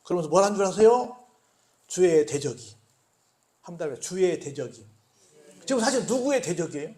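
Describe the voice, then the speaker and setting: Male pastor, high voice, animated sermon, rhetorical questions, soft-to-loud swings. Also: brisk.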